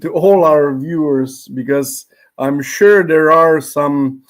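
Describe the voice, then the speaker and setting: Slow, halting man with a Slovenian accent. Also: on the high side, noisy background. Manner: halting, with frequent pauses and fillers. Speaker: podcast host. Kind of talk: live-streamed interview. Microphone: video call.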